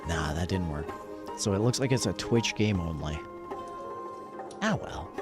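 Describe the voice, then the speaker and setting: A man with a low, expressive voice speaks at a measured pace, with music playing behind him. He's hosting a casual gaming livestream, chatty and upbeat, often muttering to himself while he sets things up.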